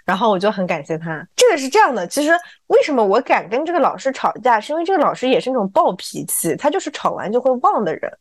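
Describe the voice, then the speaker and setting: Lively woman telling a story on a podcast. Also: a little high, fast, hardly any pauses, no room sound. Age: adult, married. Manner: animated, repeats words when excited. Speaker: podcast co-host. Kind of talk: casual chat, storytelling.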